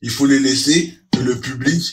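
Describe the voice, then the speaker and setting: A man's voice: medium pitch, moderate pace. A man chatting casually on a live stream, often agreeing and repeating short phrases. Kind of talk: casual chat.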